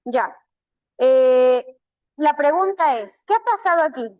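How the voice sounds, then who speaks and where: High-voiced Peruvian teacher, slow and patient. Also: female voice, lively intonation, a little mellow, dry recording, dull audio. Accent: Peruvian Spanish. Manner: patient, repeats key terms slowly. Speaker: language teacher. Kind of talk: online class feedback.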